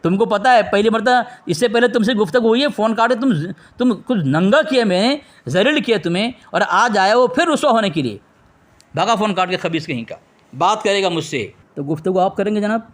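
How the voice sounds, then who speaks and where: Insistent high-voiced man scolding on a call. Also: animated, a little fast. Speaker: debater. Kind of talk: heated phone debate.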